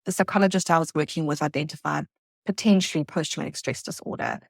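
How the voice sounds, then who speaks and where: A middle-aged woman from South Africa, a guest telling her story in an earnest, reflective way, halting at times. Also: sits low, vocal fry, breathy edge, no room sound, studio quality. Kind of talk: emotional personal interview.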